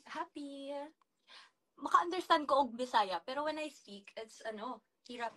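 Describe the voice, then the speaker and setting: A woman in casual chat, giving short, halting answers as she hunts for words. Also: sits high, lively intonation, a bit bright, low-quality recording. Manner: short hesitant replies.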